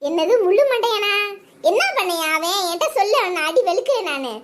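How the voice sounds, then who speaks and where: A woman's voice: very high voice, animated, fairly quick, slight background noise. A woman voicing a fiery, protective young aunt in a cartoon. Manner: fussing, fiery.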